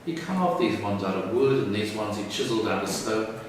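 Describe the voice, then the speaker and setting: A man's voice: lowish voice, animated, normal speed, slight background noise, close to an everyday voice. A man doing blunt young Abraham in an echoey hall. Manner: blunt, matter-of-fact. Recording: roomy echo, far from mic.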